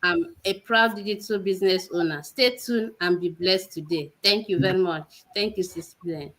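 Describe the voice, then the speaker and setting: A woman's voice: on the low side, normal speed, a bit bright. A woman from Nigeria, a panel guest greeting viewers formally over a video call.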